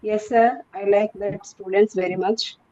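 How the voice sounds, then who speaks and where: A woman teacher with an Indian English accent speaking haltingly in a practice session, often addressing the trainer as sir. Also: mid-range voice, steady tone, dark tone, highs cut off.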